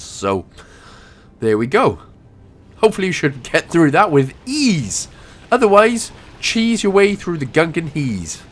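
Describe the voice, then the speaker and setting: A man, ill with a cough, giving a casual, jokey commentary over a game walkthrough. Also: medium pitch. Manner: jokey, animated, self-mocking asides.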